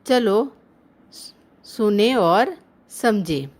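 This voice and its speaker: A woman teaching children in an online lesson, sounding out words syllable by syllable in a gentle, explaining tone. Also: medium pitch, expressive. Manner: drawn-out, careful syllable-by-syllable pronunciation. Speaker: primary school teacher.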